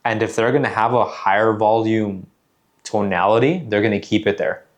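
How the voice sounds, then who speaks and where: Low-voiced man giving a sales lesson. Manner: measured, deliberate, repeats phrases for emphasis. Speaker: sales coach. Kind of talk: instructional talk.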